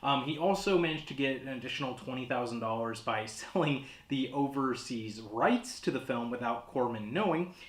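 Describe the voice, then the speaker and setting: A man's voice: medium pitch, lively intonation, moderate pace, few pauses. A man presenting as a casual horror host, with a hesitant, rambling, awkwardly comic delivery. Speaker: horror host of a holiday movie show. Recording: roomy, echoey sound.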